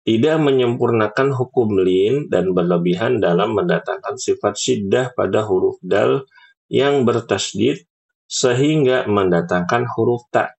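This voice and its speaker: A low-pitched man leads an online recitation class at an unhurried pace. He patiently corrects his students and stretches out each word he demonstrates. His voice sits on the lower side. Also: a little mellow. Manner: patient, demonstrates words slowly and drawn out. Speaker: Quran recitation teacher.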